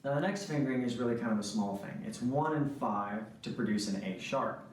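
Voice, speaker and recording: A man's voice: medium pitch, brisk, a little hiss or hum. Echoey saxophone teacher man explaining. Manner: explanatory, frequent "right?" checks. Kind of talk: instructional lesson. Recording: echoey room, mic at a distance.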